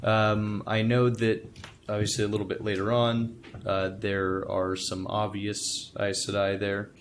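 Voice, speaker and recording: Slow, halting man running a tabletop game. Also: lowish voice, completely flat delivery, a little hiss or hum. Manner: halting, pieced-together narration. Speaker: game master. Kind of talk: narrating a tabletop roleplaying game.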